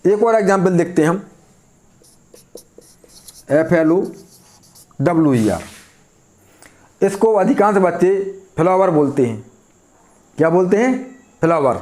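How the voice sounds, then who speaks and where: A man's voice: high voice, lively intonation, a little slow, long pauses, dark tone. A man teaching an English grammar lesson, asking the class questions and answering them himself.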